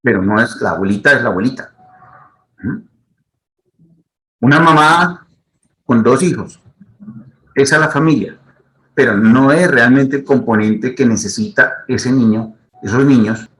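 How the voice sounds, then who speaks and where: A man's voice: mid-range voice, a little slow, pauses often, fairly bright tone, rough recording. A middle-aged man, a psychologist, giving advice to the camera in a teaching manner and repeating his key points. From Colombia.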